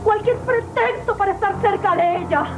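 An actress playing a jealous, hot-tempered scheming wife with the venomous, theatrical delivery of a telenovela villain. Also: female voice, very high voice, normal speed, rough recording. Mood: enraged, threatening. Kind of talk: melodramatic telenovela acting. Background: loud dramatic music.

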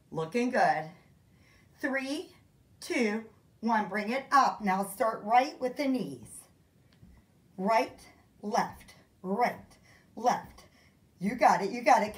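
A woman fitness instructor leading a kickboxing workout, counting out moves and calling out encouragement, out of breath. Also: fairly high pitch. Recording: echoey room.

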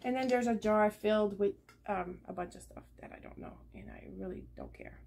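A woman's voice: mid-range voice, huge pitch swings, a little fast, vocal fry, a little mellow. A middle-aged woman chatting to the camera at home about her thrift and yard sale finds, rambling with many fillers. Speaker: vlogger showing a thrift haul. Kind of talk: casual chat to camera. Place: living room at home, indoors. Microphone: camera on a table nearby.

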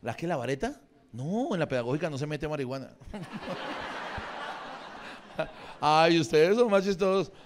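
Man, 40s, Bogotá accent, stand-up comedian, crude crowd banter, fairly high voice. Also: sing-song, slow, pauses often. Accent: Bogotá Spanish. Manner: crude, swearing, bantering with the audience. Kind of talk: improvised stand-up crowd work. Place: comedy venue with a live audience.

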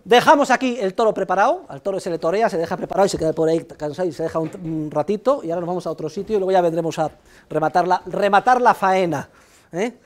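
Middle-aged Spanish male professor, animated classroom lecturer who repeats key points and calls out chatty students. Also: sits high, rapid-fire, hardly any pauses. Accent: Spanish from Spain. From Spain. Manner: lively, repeats key points, tags phrases with "¿eh?", scolds students directly. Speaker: economics professor. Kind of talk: university lecture. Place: university classroom.

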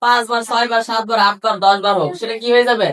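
High-voiced woman teaching from afar. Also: steady tone, fast, a bit bright, recorded from a distance. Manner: asks the class questions and answers them herself; spells out words letter by letter. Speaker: English reading teacher. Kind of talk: classroom lesson.

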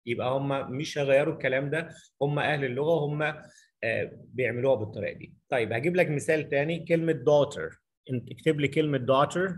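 A middle-aged man with a medium-pitched voice and an Egyptian Arabic accent teaches English in a recorded lesson. He asks rhetorical questions and spells out examples as he writes them.

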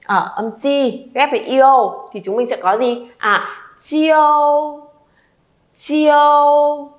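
Woman, language teacher, high-pitched, encouraging, repeats syllables for the class. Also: moderate pace. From Vietnam. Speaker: Chinese teacher. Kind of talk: classroom pronunciation lesson.

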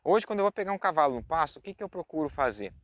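Brazilian guy explaining horses out in a pasture, talks quick, kinda high voice, dry sound. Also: very animated, no room sound, highs cut off. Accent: Brazilian Portuguese. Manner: chatty, addresses viewers directly with frequent tag questions. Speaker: horse trainer. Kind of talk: outdoor instructional talk. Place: pasture outdoors.

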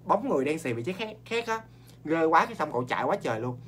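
A man with a Southern Vietnamese accent, hosting a ghost story show in a chatty, animated way and talking straight to his viewers. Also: on the high side, a little hiss or hum. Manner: animated, talks straight to viewers, quick asides and laughs.

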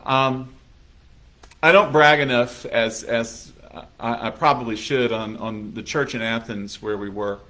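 A man's voice: mid-range voice, fairly even intonation, measured pace, sharp tone. A man preaching a sermon as pastor in a conversational manner, now and then acting out little scenes in quoted voices. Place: church sanctuary.

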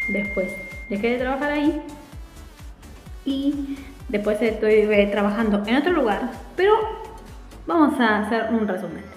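A woman in her forties with an Argentine Spanish accent, telling her story to camera in a casual, animated vlog from a small room at home. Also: medium pitch, echoey room, poor audio. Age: 40s. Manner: animated, chatty, gestures a lot with her hands. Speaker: vlogger.

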